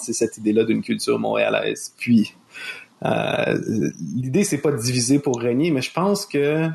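A man's voice: medium pitch, creaky. A man with a Québécois accent, hosting a casual discussion and thinking aloud with many restarts. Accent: Québécois French. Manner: thoughtful, many restarts and fillers.

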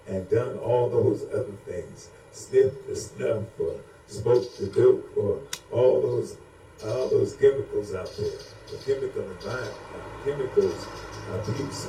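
A man leading prayer delivers fervent, improvised exhortation, returning again and again to chant-like invocations. His voice is lowish and mellow, with vocal fry. The recording carries a roomy echo and faint background noise.

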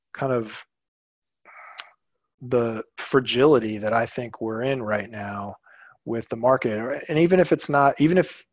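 A man's voice: medium pitch, dry recording. Man with a slightly muffled dry voice. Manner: explanatory, trails off quietly, many "you know"s. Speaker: podcast co-host. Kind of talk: casual financial podcast talk.

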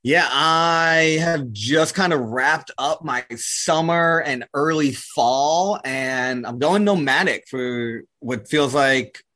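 A man speaking as a podcast guest in a relaxed, laid-back way, often saying "like". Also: fairly high pitch, takes it slowly, hardly any pauses. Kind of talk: casual conversation.

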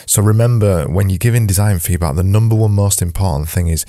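A man with a very deep, mellow voice hosts his own podcast, sounding a little nasal from a blocked nose. He talks loosely and conversationally, restarting his sentences, in a dry, close recording. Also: fairly quick, dry recording. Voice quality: slightly nasal. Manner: rambling, self-correcting, conversational. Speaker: podcast host. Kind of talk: solo podcast talk.

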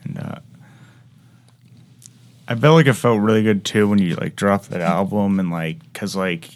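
A man chatting casually as an interviewer, speaking softly as a supportive listener. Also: fairly low pitch, unhurried. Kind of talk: casual chat.

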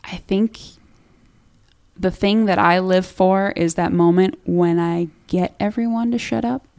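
A young Minnesota singer-songwriter chats casually as a studio interview guest, often restarting sentences and laughing at herself. Her voice is on the low side, steady, unhurried and a little mellow.

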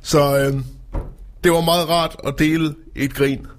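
Male radio host, casual chat, animated storyteller, laughs often, slightly high voice. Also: a little hiss or hum.

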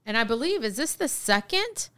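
A woman's voice: fairly high pitch, sing-song, normal speed, bright, forceful tone, smooth, dry recording. A woman co-hosting a podcast, teasing playfully and laughing a lot in casual chat. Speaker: podcast co-host.

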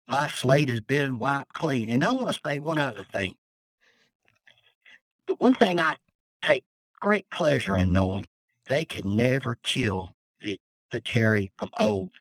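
Man in his own voice, earnest and emotional, testifying over a call; mid pitch, dry sound. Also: no echo, low-quality recording. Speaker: death row inmate guest. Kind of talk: personal faith testimony. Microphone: phone call.

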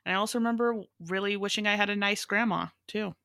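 A woman talking casually about a movie, chatty and enthusiastic, quick to agree with the others. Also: mid-range voice, steady tone, sharp tone, no echo.

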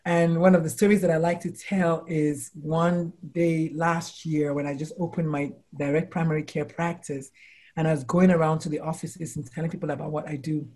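Speaking at a moderate pace, this woman of at least forty is a U.S. doctor and life coach chatting informally in an interview. Her stories are animated, and she voices quoted lines as high-pitched exclamations.

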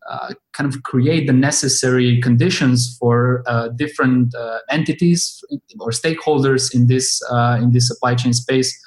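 A male company founder answering interview questions in a mid-pitched voice. He talks softly and haltingly, pausing often to find the right word. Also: steady tone, poor audio. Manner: soft-spoken, halting, searching for words. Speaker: company founder, podcast guest.

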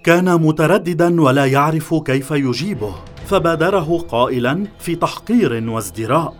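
A man narrating a thriller in a measured, dramatic storytelling manner, over faint background music. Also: fairly high pitch, expressive. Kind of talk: scripted audiobook narration.

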